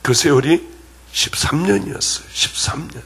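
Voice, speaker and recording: A middle-aged man, a pastor preaching a sermon at a revival meeting, telling his story with feeling and swinging from loud to hushed. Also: on the high side, animated, normal speed, husky.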